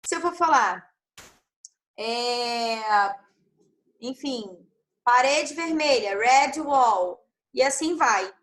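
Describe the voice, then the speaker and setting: A woman with a high voice teaches an online class through her computer mic. She explains step by step and keeps asking her students if they are following. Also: expressive, very slow, long pauses, a bit bright. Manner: explains step by step, checks in with frequent tag questions. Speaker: English teacher.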